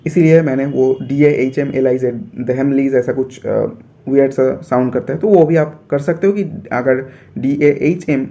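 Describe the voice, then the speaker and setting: A man's voice: medium pitch, dark tone. A young man from India teaching biology for an entrance exam, explaining step by step and repeating his points.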